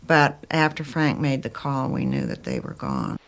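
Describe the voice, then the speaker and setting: A woman's voice: extremely low pitch, huge pitch swings, normal speed, gravelly. A woman recalling the past in a documentary interview, speaking emphatically and with feeling. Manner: emotional, emphatic. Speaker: interviewee, astronaut's wife.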